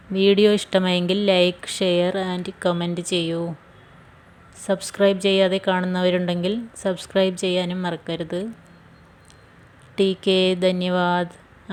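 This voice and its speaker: A woman teaching phrases in a scripted lesson, repeating each phrase slowly and carefully. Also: lowish voice, darkish tone. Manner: slow, careful phrase-by-phrase drilling with repetition. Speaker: language teacher.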